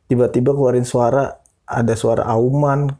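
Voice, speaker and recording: A man casually telling a ghost story, animated and acting out other people's lines. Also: medium pitch, moderate pace. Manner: animated, quotes people in voices. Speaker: guest storyteller.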